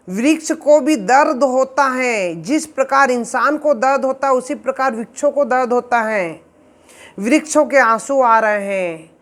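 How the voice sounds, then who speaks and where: A man telling a devotional scripture story, slow, emotive and preachy. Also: very high voice, fairly bright tone. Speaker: religious storyteller.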